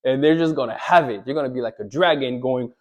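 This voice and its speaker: A man giving relationship advice straight to the camera, animated, often checking in with "right?" and acting out what a wife might say. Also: medium pitch, quick pace. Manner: animated, repeats "right?", acts out quoted lines. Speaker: relationship coach. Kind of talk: direct-to-camera advice talk.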